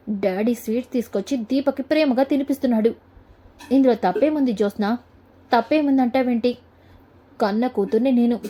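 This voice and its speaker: A woman's voice: a little high, warm tone, slight background noise, natural voice. A woman voicing a spoiled young woman who complains indignantly, in a retold family serial.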